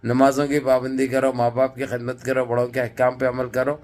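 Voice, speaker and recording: A man's voice: medium pitch, completely flat delivery, a little fast, darkish tone. A man giving impassioned, mocking political commentary to his viewers. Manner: fiery and mocking, addresses viewers as friends and brothers. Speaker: online news commentator.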